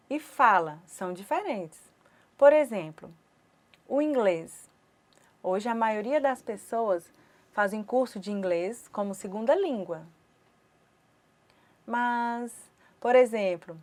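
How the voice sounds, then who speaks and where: For an online course, a woman gives voice to a sign-language teacher's lecture, her pitch fairly high and her accent Brazilian Portuguese. She delivers it in short bits with pauses between them.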